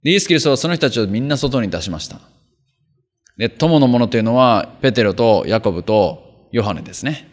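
A pastor reading scripture aloud and then explaining it in a relaxed, conversational sermon. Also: male voice, medium pitch, fairly quick. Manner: conversational, explains with casual asides and fillers. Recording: long hall reverb.

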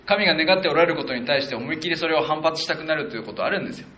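Man preaching a sermon, bright and echoey. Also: racing, highs cut off, a little hiss or hum. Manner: animated, acts out quotes of the people with shifts of pitch; conversational, with self-corrections and fillers. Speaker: pastor. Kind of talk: sermon, verse-by-verse Bible exposition.

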